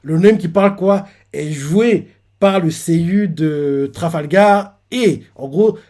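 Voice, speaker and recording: A man with a high voice recapping a comic chapter off the cuff. He rambles, circles back and fills gaps as he goes. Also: slow, warm tone. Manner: rambling, full of fillers and restarts. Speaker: manga reaction channel host. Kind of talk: casual retelling of a manga chapter.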